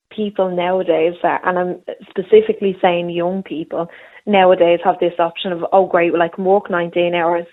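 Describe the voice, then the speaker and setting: A woman, calling in to a radio show over a phone line, chatting freely with lots of fillers. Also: fairly low pitch. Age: 20s. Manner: chatty, full of "like" and "you know". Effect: heard over a phone line.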